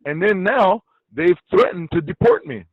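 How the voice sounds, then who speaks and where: A man's voice: high voice, wildly swooping pitch, moderate pace, dry recording. A man from Iraq, an interview guest, talking bluntly and swearing freely. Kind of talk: casual interview talk. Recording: dull lo-fi dry sound.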